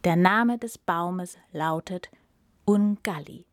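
A woman's voice: on the low side, slow pace, no echo, clean studio sound. A woman voicing a stern, impatient lion king in a storybook reading. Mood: grave. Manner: grave, impatient.

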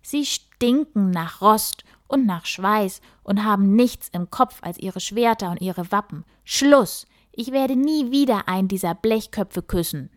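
Woman acting an indignant, sharp-tongued princess. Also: medium pitch, expressive, a little slow, hardly any pauses, no room sound, clean studio sound, natural voice. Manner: indignant, emphatic. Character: fed-up proud young princess, sharp-tongued.

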